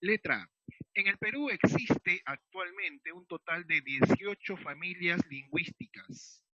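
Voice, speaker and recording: Teacher with a dull, dry sound. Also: male voice, sits high, animated, measured pace, sharp tone, dry recording. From Peru. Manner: explains patiently, checks in often with rhetorical "¿ya?" and "¿sí?". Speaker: secondary school teacher. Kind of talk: recorded remote class lesson.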